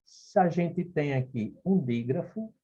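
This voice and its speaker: A man's voice: fairly high pitch, animated, slow, dark tone, breathy edge. A man teaching phonetics, working through exam questions step by step and checking in with the listener. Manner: explanatory, checks in with frequent "ok?" and "beleza?". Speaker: Portuguese grammar teacher. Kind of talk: recorded phonetics lesson solving exam questions. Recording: dull lo-fi recording.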